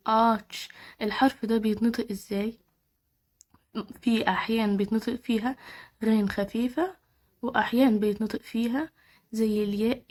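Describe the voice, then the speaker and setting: A woman with an Egyptian Arabic accent teaching Turkish letters, repeating each word slowly and patiently. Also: medium pitch. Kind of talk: slow step-by-step teaching.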